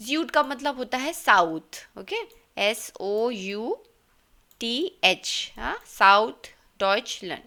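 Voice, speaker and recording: A woman's voice: fairly high pitch, sharp tone. A woman teaching German to learners in Hindi with an Indian accent, explaining step by step and often checking in with "okay?". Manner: explanatory, checks in with a frequent "okay?" and spells words letter by letter. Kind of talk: explaining a lesson in Hindi and English.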